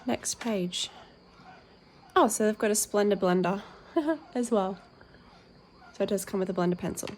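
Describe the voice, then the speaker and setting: A woman hosts her colouring channel in a croaky, tired voice of medium pitch, expressive and unhurried, with frequent pauses. She chats casually with lots of ums while unboxing and reading out packaging, a relaxed tabletop unboxing chat.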